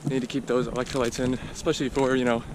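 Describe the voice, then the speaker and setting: A man talks casually to a camera for his vlog. His voice sits at an average pitch. The recording is outdoors, with clear ambient noise. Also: level tone, rapid-fire. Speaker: vlogger.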